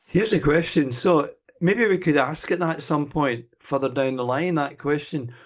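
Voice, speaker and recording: A man with a Scottish accent co-hosting a podcast and retelling a story in an animated, chatty way. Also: on the high side, normal speed. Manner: animated storyteller, chuckles and uses Scots words. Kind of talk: casual podcast discussion.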